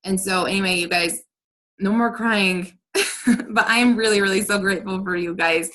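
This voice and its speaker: A woman's voice: mid-range voice, fairly even intonation, normal speed, bright, forceful tone. A woman leading a team training over a video call, talking in a direct, upbeat coaching way. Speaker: team leader.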